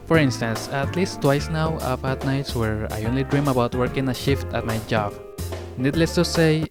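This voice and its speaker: A young man narrating a scripted personal monologue with wry, dry asides. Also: medium pitch. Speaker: video narrator. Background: background music.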